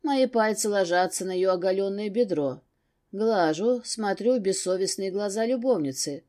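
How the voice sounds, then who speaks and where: Woman reading a novel aloud, mellow warm tone, steady even delivery. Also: mid-range voice, moderate pace. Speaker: audiobook narrator. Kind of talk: first-person novel reading.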